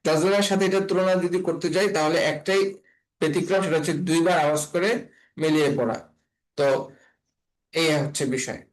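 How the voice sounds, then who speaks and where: A man's voice: fairly high pitch, fairly quick, pauses often, rough recording. A man teaching an online Quran reading class, patiently spelling out letters and repeating each sound.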